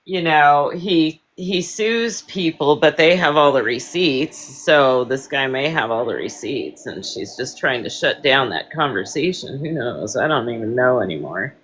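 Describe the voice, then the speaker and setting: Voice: medium pitch, lively intonation, a little slow, few pauses, a bit bright, lo-fi sound, slight background noise. A caller on a casual political panel, talking in a sarcastic, rambling way. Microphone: online audio call.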